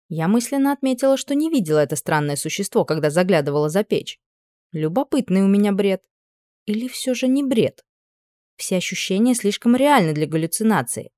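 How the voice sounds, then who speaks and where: A woman's voice: medium pitch, warm tone, no room sound. A woman reading a first-person story aloud in a dry, ironic way. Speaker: audiobook narrator. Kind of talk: scripted narration.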